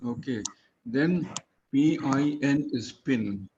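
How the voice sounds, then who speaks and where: Man, English tutor, slow and patient, spells words letter by letter, dull lo-fi call audio. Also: mid-range voice, background noise. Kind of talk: one-on-one pronunciation lesson.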